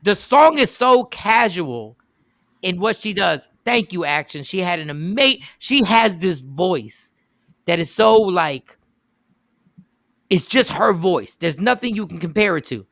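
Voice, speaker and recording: A man hosting a radio show, retelling a story in an animated, casual way and stopping to repeat the lines that matter. His voice is bright and a little gravelly, and the sound is dry and close to the mic. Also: high-pitched, a little slow, dry recording.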